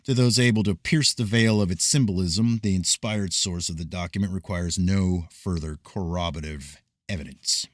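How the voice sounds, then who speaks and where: Low-voiced man reading esoteric text. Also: dry recording, studio quality. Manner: measured, formal reading with occasional stumbles. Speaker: reader of esoteric texts. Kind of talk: reading a book aloud. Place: cold room.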